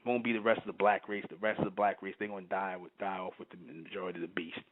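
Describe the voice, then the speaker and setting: A man's voice: sits low, little pitch movement, quick pace. Fiery preacher-like man on a tinny line. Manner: fiery, repeats "you understand?", works himself up. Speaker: channel host giving a spiritual talk. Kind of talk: impassioned monologue. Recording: tinny phone-like audio.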